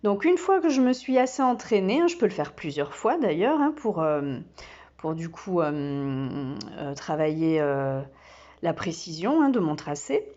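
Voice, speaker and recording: Woman, kindergarten teacher, unhurried and patient, dull recording. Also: lowish voice, very animated, mellow. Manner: patient, with many fillers. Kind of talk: slow step-by-step demonstration.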